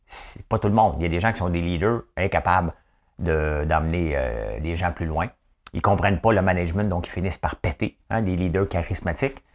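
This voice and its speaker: A man's voice: low-pitched, a little fast. A male host with a Quebec French accent, running a chatty trivia monologue that keeps tossing in "hein?" and slipping into English phrases.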